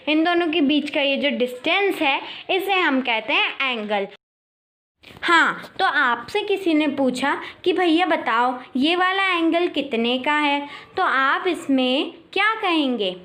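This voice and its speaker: A young woman explaining maths in a friendly, playful way, reading definitions slowly. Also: high-pitched, fairly bright tone. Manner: friendly and playful, slow careful English definitions. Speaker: maths teacher. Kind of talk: chatty classroom explanation.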